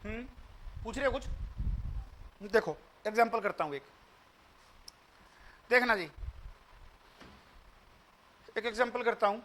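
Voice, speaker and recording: A man's voice: sits high, measured pace, pauses often, a bit bright, a little hiss or hum. A man with an Indian accent teaching math in an online demo class, explaining patiently and repeating his points while he quizzes the students. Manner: switches freely between Hindi and English.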